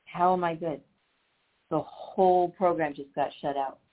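Calling in on speakerphone, a man hosting a live radio show sounds flustered as he troubleshoots the connection in casual on-air chat. His voice sits on the high side, steady and a little slow, over a tinny phone line with hiss.

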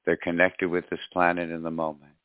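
Man, low-pitched, soothing meditation guide, unhurried and hypnotic, dull dry recording, faint music. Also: monotone, no room sound. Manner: slow, soothing, hypnotic delivery with pauses and repetition. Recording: dull lo-fi audio, music behind.

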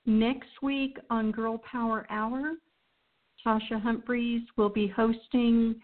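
Over a thin, phone-like line, a woman radio host signs off her show casually and without a script, rambling informally. Her voice is on the high side, slow, with little pitch movement.

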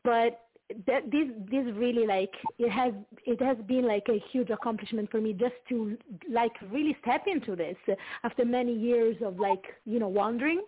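An Italian woman talks through a narrow, tinny video-call line. Her voice sits a little high, and she speaks haltingly, searching for words with fillers and restarts. The tone is casual, like a guest in a chat interview. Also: breathy edge. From Italy. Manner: halting, many fillers and restarts, light laughs. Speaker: guest singer-songwriter. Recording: tinny phone-like call audio.

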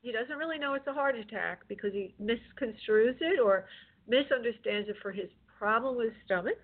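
A woman working as a psychic medium on a call-in show, giving spoken spirit readings in a gentle, consoling way with affectionate endearments. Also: a little high, normal speed. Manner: gentle, consoling, using endearments like love and honey. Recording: tinny phone-like call-in audio.

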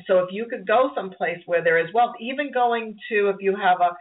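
A woman's voice: mid-range voice, brisk. A middle-aged woman with a Brooklyn accent hosting a call-in show, giving casual spiritual advice in an encouraging, rambling way, often repeating her phrases. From Brooklyn, New York. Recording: narrow phone-like sound.

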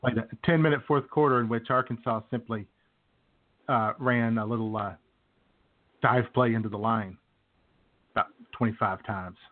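Steady and medium-pitched, this comedy radio co-host talks at a normal speed with frequent pauses, casually discussing sports. The audio has a thin, phone-like narrow band.

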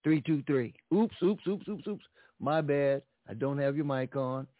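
A man's voice: medium pitch, unhurried, dry recording. A male radio host taking calls in a casual, chatty way, fumbling a little as he puts callers on the air. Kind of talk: call-in radio hosting. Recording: dry, tinny phone-like sound.

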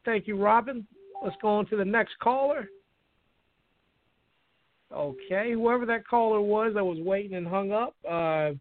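A man hosting a call-in radio talk show, speaking in a halting way and often repeating his words. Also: high voice, no room sound. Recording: dry, tinny phone-line sound.

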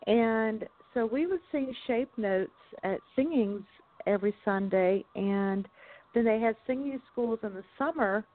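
A woman's voice: fairly high pitch, a little slow. Give me a woman heard over the phone, with a thin, tinny sound. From Southern United States. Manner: thoughtful, with frequent ums and restarts. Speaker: guest musician. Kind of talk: casual interview chat.

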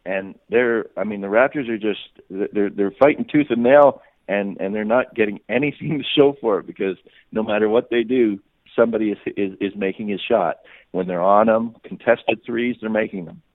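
Speaking at a moderate pace in a fairly low voice, a guest reporter gives spontaneous sports analysis, often repeating himself and restarting sentences. The recording has no echo and sounds like a muffled phone line on radio.

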